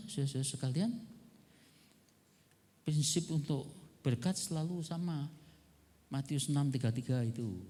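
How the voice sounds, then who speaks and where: A man's voice: fairly high pitch, warm tone, big-room sound. A male pastor preaching a conversational sermon at a church seminar, full of rhetorical questions.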